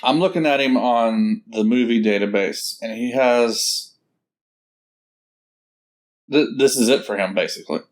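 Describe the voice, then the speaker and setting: A man's voice: mid-range voice, unhurried, long pauses. A man co-hosting a podcast in casual chat, hesitant, with stammered restarts and many fillers. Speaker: podcast co-host.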